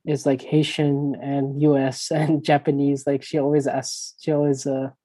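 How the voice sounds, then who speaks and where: Mellow-voiced man in relaxed tennis chat. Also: medium pitch, moderate pace, dry recording, low-quality recording. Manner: thoughtful, trailing off softly. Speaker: podcast co-host.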